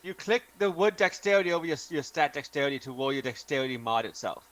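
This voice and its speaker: A young Californian man playing a tabletop game, brisk with short replies. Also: on the high side, expressive, fairly bright tone. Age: young adult. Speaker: player. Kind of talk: casual chat around a tabletop game.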